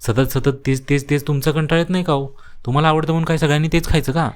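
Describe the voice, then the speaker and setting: A man's voice: fairly high pitch, fairly even intonation, racing, smooth, pitched above the performer's own voice, natural voice. A man voicing a fed-up young daughter-in-law in a cartoon story, exasperated and repeating herself. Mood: exasperated outburst.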